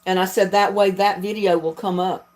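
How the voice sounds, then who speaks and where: This video creator, a Southern-accented woman from North Carolina, chats folksily and casually while hosting a livestream, laughing often. She talks at normal speed in a medium-pitched, darkish voice with fairly even intonation.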